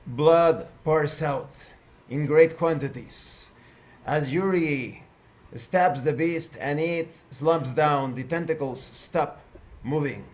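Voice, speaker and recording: A man narrating as game master of a tabletop game, measured and a little halting. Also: on the high side.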